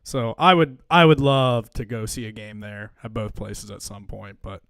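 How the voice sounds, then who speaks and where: A man's voice: fairly low pitch, fairly even intonation, moderate pace, creaky, fairly bright tone, clean tone, no room sound. A young man co-hosting a podcast in casual chat, laid-back and agreeable, swearing now and then. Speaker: podcast co-host.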